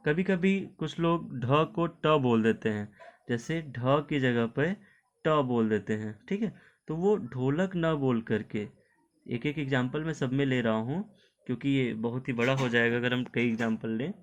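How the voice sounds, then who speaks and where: A Hindi teacher with an ordinary mid-pitched voice gives a recorded online video lesson on pronunciation. He works through examples patiently, often saying "ठीक है" or "okay?", and drops in occasional English words.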